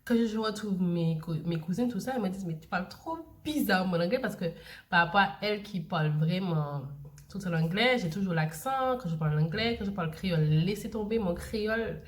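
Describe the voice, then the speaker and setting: A woman's voice: medium pitch, a little fast. A young woman, chatting casually to camera and repeating herself with many fillers. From Saint Lucia. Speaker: vlogger.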